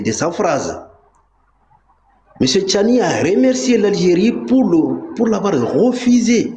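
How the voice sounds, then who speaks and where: A man talks politics with emphatic conviction, hammering his points home. His voice sits a little high yet sounds dark and mellow. The recording is roomy and echoey, with a faint hiss of background noise. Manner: emphatic and insistent. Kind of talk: live political commentary.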